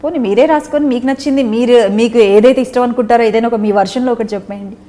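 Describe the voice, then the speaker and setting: Woman host, teasing, rapid speech, slightly high pitch, faint hiss. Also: dark tone. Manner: teasing, coaxing, laughs often. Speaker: interview host. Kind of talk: casual interview chat.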